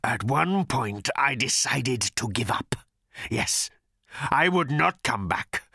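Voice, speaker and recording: A man's voice: mid-range voice, animated, gravelly, sharp tone, breathy edge, no echo, pitched above the performer's own voice, exaggerated voice. Man voicing Agrajag, a snarling vengeful creature. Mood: menacing. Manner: snarling, hissing, slow and menacing. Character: bitter vengeful male creature, waddling, hateful. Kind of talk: audiobook character voice.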